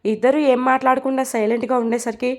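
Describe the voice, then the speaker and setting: High-voiced woman narrating a romance story. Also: level tone, fast talker. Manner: reads dialogue with inline speaker tags.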